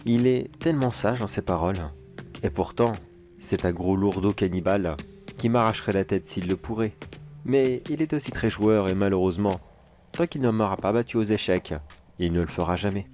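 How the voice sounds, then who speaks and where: A man's voice: on the low side, moderate pace, a little mellow, faint music behind, lightly acted. A man playing a casual, self-assured security major in a horror audio drama, musing aloud and talking to himself. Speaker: security agent.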